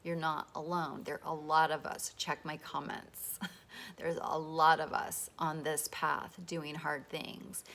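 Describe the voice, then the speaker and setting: A woman talking to camera as a self-help host, emphatic and swearing freely, dropping at times into soft whispered asides. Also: low voice, gravelly, a little hiss or hum. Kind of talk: motivational self-help monologue.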